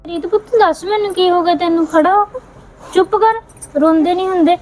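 A woman playing a caring mother who gently coaxes and consoles her daughter in an amateur short film, repeating endearments. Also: sits high, moderate pace, lightly acted. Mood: soothing. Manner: soothing, coaxing, repeats endearments. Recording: dull lo-fi sound, faint music.

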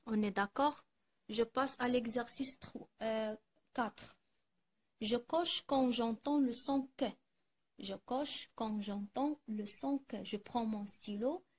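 Slow, deliberate woman teacher. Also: fairly high pitch. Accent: Arabic-accented French. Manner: slow, deliberate, repeats each word twice. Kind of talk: slow classroom lesson, dictating exercises.

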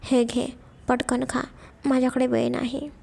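A woman voicing a rough hired male kidnapper who gives curt, bossy orders in an audio story. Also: sits high, little pitch movement, a little slow, a little mellow, full character voice. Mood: harsh.

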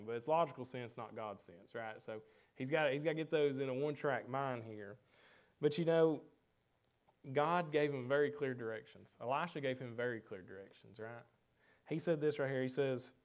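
A man preaching a sermon as a guest preacher in a church, in a folksy, conversational way that swings from loud to quiet. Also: medium pitch. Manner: folksy, conversational preaching with rising and falling volume. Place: church sanctuary.

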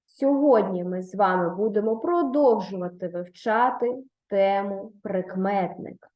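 Slow, patient woman teacher, echoey room. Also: medium pitch, highs cut off. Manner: slow, patient, praising and prompting pupils. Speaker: primary school teacher. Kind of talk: online lesson for third graders. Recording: roomy echo.

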